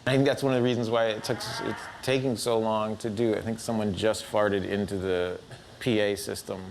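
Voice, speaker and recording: A man's voice: fairly low pitch, level tone, moderate pace, gravelly, noisy background. Thoughtful man giving an interview. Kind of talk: interview commentary.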